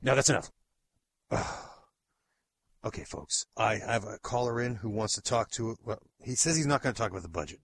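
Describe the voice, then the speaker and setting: A man's voice: on the low side, expressive, normal speed, a bit bright, breathy edge. Exasperated radio host man. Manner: exasperated, bossy. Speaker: radio talk show host. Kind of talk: comedy radio sketch.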